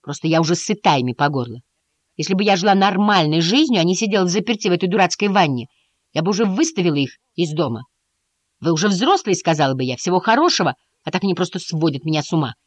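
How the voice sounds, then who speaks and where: A woman's voice: lowish voice, expressive, fast talker, no echo. A woman voicing a weary, irritable mother mouse in a storybook reading, tart and exasperated.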